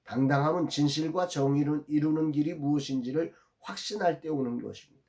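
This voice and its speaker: A middle-aged male pastor giving a calm, reflective devotional meditation, reading scripture aloud and then explaining it. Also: fairly high pitch, brisk.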